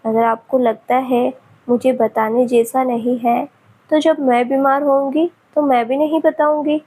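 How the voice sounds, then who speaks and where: A woman's voice: high voice, flat delivery, a little slow, dark tone, slightly rough. A woman voicing a tearful, sulky young woman who scolds her sick partner in a pleading tone. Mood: tearful scolding.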